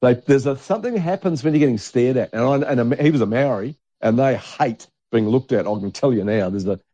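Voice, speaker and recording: Man, mellow dry voice, chatty anecdote-teller for a casual podcast. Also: medium pitch, fairly quick, no room sound. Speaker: podcast co-host. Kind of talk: casual chat, storytelling. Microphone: studio mic.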